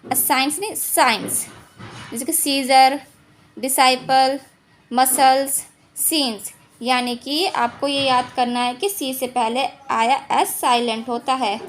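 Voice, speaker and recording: A woman with a high, light voice, teaching silent letters step by step. She repeats each rule, asks a question and answers it herself, slowing down to spell words out. A faint hiss of background noise sits under her voice. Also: fairly even intonation. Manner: patient, repeats and quizzes herself. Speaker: English teacher. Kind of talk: online phonics lesson.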